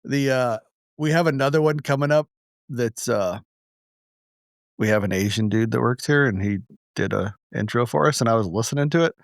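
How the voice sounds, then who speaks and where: A man's voice: mid-range voice, moderate pace, gravelly, no echo, clean studio sound. A man hosting a casual podcast, talking loosely and profanely, rambling with restarts. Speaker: podcast host.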